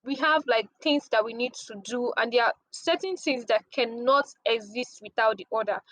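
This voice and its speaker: Woman, instructor, fairly high voice, conversational lesson, frequent ums, dry close sound. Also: moderate pace, dry recording, poor audio. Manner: relaxed, with many ums and restarts, everyday examples. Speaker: project management instructor. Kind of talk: explanatory lesson with slides.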